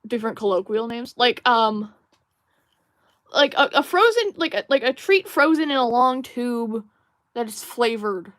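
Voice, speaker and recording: A woman's voice: a little high, animated, unhurried, fairly bright tone, dry recording, studio quality. A young woman hosting a casual livestream while drawing, musing and rambling with many fillers and restarts while she reads viewer chat aloud. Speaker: livestream host.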